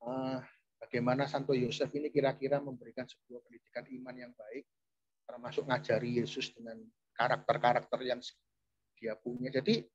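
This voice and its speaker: Husky-voiced man preaching conversationally. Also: mid-range voice, flat delivery, fairly quick, no echo, muffled recording. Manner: chatty, addresses audience often, restarts phrases. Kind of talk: conversational sermon.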